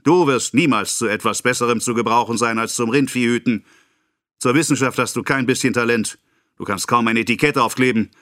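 A male narrator voicing a pompous, excitable middle-aged apothecary who rants and scolds in a self-important way. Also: fairly high pitch, takes it slowly, few pauses, no echo, studio quality, pitched above the performer's own voice, full character voice. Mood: scolding. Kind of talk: audiobook character voice.

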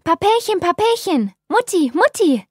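A woman's voice: very high voice, sing-song, normal speed, no room sound, clean studio sound, pitched above the performer's own voice. A woman voicing a bubbly, eager eighteen-year-old girl in a storybook reading.

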